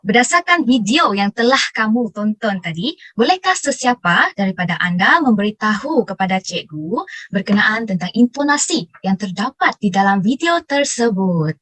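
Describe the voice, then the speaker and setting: A woman's voice: medium pitch, lively intonation, normal speed, fairly bright tone, no echo. A young woman teacher, formal and encouraging, praising her students.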